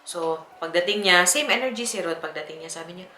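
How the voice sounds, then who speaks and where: A woman's voice: fairly low pitch, a little fast, sharp tone, faint music behind. Chatty woman vlogger in an echoey room. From Philippines. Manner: chatty, laughing often, with many fillers. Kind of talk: casual storytelling to viewers.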